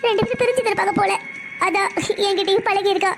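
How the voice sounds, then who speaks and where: A woman's voice: extremely high pitch, steady tone, fast talker, a bit bright, faint music behind. A woman voicing a tearful teenage girl in a cartoon. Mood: heartbroken. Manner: tearful, complaining. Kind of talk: cartoon voice acting.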